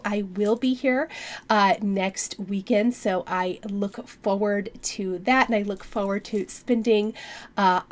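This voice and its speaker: Friendly woman, nasal from a cold, higher voice, casual vlog chatter. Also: a little mellow. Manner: chatty, friendly, many fillers. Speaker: cross stitch vlogger. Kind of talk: casual chat to camera.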